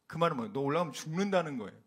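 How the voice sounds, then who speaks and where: A man preaching a sermon in a church, animated and dramatic, often acting out dialogue as he teaches. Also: fairly high pitch, very fast, breathy edge. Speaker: pastor. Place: church sanctuary.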